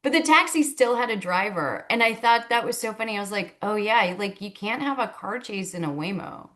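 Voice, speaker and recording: Female host, medium pitch, casual chat, amused delivery. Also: animated, fairly bright tone. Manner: amused, quick to laugh. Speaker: talk show host.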